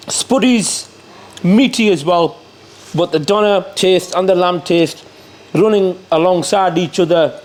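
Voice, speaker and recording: A man giving a casual food review to camera, talking between bites and chatting to his cameraman. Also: high voice. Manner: repeats catchphrases and addresses the cameraman. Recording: clear background noise.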